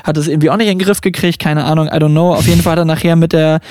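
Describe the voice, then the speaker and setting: A middle-aged man from Germany, co-hosting a casual chat podcast and telling stories with lively impressions of others. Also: on the high side, rapid-fire, dry recording, studio quality, faint music behind. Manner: animated storyteller, mimics others mid-story. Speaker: podcast co-host.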